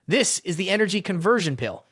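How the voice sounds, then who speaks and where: A vengeful middle-aged sect elder from a fantasy story recap, cold and commanding as he plots, as a man voices him, with a high, lively pitch. The sound is dry and close. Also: fairly quick, husky, no echo, full character voice.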